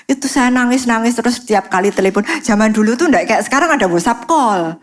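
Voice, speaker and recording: Woman, East Javanese accent, church testimony, lively storytelling, English phrases mixed in, slightly high voice. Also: fast talker. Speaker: guest speaker. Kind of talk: personal testimony in a church service.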